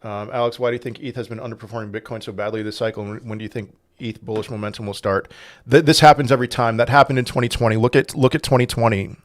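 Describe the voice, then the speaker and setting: This Portuguese crypto streamer talks fast with fairly even intonation at a medium pitch. Using a desk mic, he reads viewers' questions aloud and answers them in a loose, rambling manner, restarting often.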